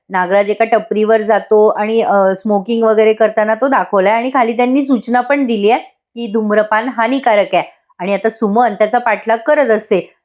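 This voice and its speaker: Sex: woman. Role: TV serial reviewer. Style: voice-over recap. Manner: chatty, talks to viewers. Pitch: fairly high. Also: darkish tone. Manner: chatty, addresses viewers directly.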